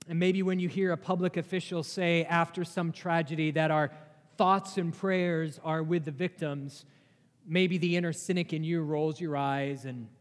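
Slow-preaching man in a reverberant hall. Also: a little high. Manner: earnest preaching with rhetorical questions and emphatic rises. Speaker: pastor. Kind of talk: sermon.

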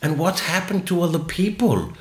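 A man's voice: a little high, big pitch swings, moderate pace, echoey room. A man co-hosting a casual podcast chat, talking in a rambling way, often trailing off and restarting. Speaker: podcast co-host.

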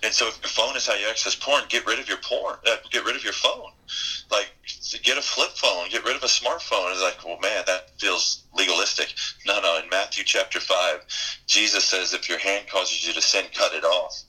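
A man's voice: on the low side, brisk, pushed and bright, husky, rough recording. A man, a pastor guest, answering interview questions in an earnest, plainspoken way and quoting scripture.

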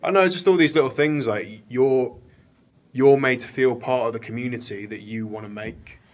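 A man's voice: medium pitch, normal speed. A man chatting casually and reflectively as a football fan podcaster. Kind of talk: casual chat. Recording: slightly dull sound with faint noise.

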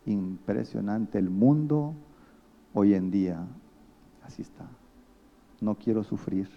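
A man's voice: lowish voice, lively intonation, slow pace, dull audio. A man with a Mexican accent preaching a sermon as pastor, telling stories and acting out the people he quotes. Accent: Mexican Spanish.

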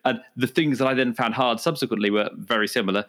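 A man's voice: medium pitch, fast talker, fairly bright tone. A man hosting an interview podcast, polite and enthusiastic. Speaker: podcast host.

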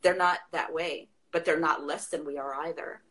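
A woman's voice: deep voice, moderate pace, a crowd in the background. A woman talking passionately in a casual conversation, telling stories and laughing as she makes her point. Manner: passionate, animated storytelling with laughs. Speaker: guest.

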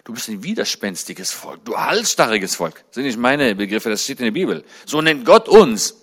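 A guest speaker at a church, a man in his forties, delivers a sermon-style talk to the congregation. He opens in a friendly, chatty way, then turns fervent, his voice climbing high and loud on the main points. He's very animated, speaks at a normal speed, and sounds slightly rough.

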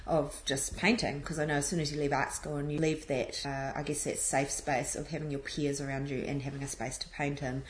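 A woman's voice: low voice, flat delivery, a little fast, few pauses. A New Zealand woman in her thirties chatting casually as an interview guest. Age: 30s. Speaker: interview guest, street artist. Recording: echoey room with clear background noise.

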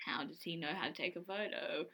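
A woman's voice: lowish voice, fast, bright, forceful tone, slightly rough. A woman co-hosting a podcast in casual chat, a chatty and rambling storyteller. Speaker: podcast co-host.

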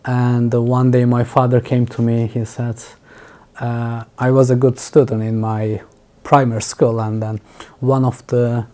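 A man from Turkey with a Turkish accent, speaking English as a podcast guest in a relaxed, thoughtful way, often restarting his sentences. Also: mid-range voice, measured pace. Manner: thoughtful, many restarts and fillers. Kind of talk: casual interview chat.

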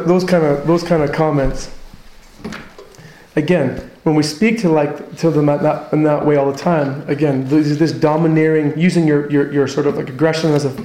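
Brief: man, pastor, conversational sermon, warm dark tone, somewhat raised pitch. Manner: earnest, conversational teaching with personal stories. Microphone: handheld microphone. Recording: echoey hall.

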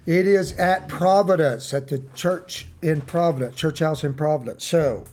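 A man with a hillbilly Appalachian accent and a slightly high-set voice leads an informal Bible study. He talks in a folksy, plain-spoken manner, as a church teacher would with people he knows. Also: normal speed, a little mellow. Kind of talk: informal devotional talk.

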